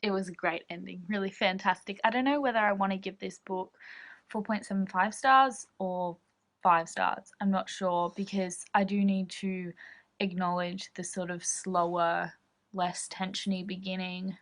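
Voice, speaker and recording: A woman's voice: medium pitch, steady tone, normal speed. A young woman from Australia, chatting casually in a reading vlog and gushing with lots of fillers. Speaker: book vlogger.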